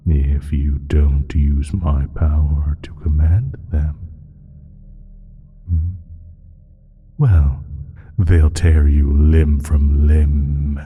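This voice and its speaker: In a lo-fi audio drama, a male voice performs an ancient, evil creature and sinister pact-maker in a full character voice, extremely low, very deep, husky and breathy, dropping into whisper. He addresses the listener in a slow, theatrical roleplay monologue, sly and taunting, drawing out every phrase in a halting, teasing way with low chuckles, sounding darkly threatening.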